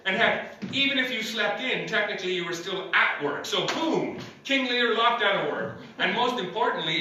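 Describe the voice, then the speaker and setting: Rambling comic in an echoey room. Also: male voice, fairly high pitch, sharp tone. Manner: rambling, chuckles at his own jokes, lots of uh. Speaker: stand-up comedian. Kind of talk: stand-up comedy set. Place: small comedy club, no live audience. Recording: echoey room, mic at a distance, faint noise.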